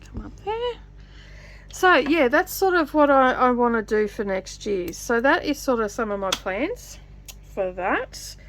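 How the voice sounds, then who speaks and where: A woman's voice: on the high side, animated, a little slow, a bit bright, a little hiss or hum. A woman hosting a chatty craft vlog, talking loosely with many fillers and restarts while she stitches and stops to count. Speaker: vlogger. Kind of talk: casual chat while stitching.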